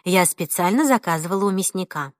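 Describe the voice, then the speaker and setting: Woman voicing a soft placating mother. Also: lowish voice, lively intonation, brisk, no echo, studio quality, lightly acted.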